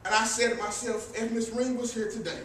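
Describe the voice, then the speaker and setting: A woman giving a funeral eulogy with dignified grief and gentle humor, storytelling with repeated phrases and a preacher-like cadence. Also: fairly high pitch, steady tone, a little fast. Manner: repeats phrases for rhetorical effect. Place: large echoing room at a funeral service. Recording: very echoey hall, distant mic, faint noise.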